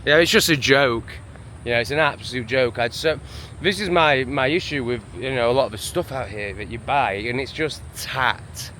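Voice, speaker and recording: A man's voice: mid-range voice, normal speed, sharp tone, a little hiss or hum. A man with an English accent in a casual vlog rant, exasperated and sweary, rambling from one gripe to the next. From England. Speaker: vlogger. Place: home in a town, street sounds outside.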